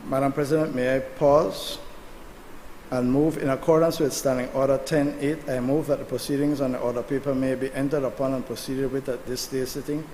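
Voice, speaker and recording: Addressing the chair in a legislative chamber, a senator delivers an emphatic, combative speech during a parliamentary debate. His mid-range, darkish voice is brisk with little pitch movement, and the echoey room adds long reverb and faint noise.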